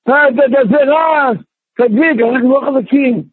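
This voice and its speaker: High, raspy-voiced rabbi on a tinny line. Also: male voice, dry recording. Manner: animated, rhetorical questions, bursts of shouting. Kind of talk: Torah class. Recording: tinny phone-like, dry.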